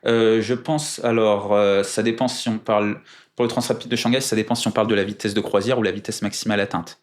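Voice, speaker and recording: A man's voice: on the low side, fairly even intonation, quick pace. Careful, hesitant man being interviewed. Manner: careful, formal phrasing with many hesitations; precise with numbers and dates. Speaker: guest. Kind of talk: casual interview.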